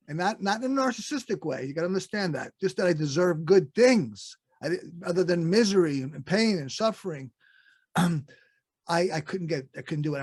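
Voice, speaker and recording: A man's voice: a little high, no room sound. A man hosting a podcast, talking candidly in a casual interview over a video call. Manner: candid, laughs while telling stories. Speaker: podcast host.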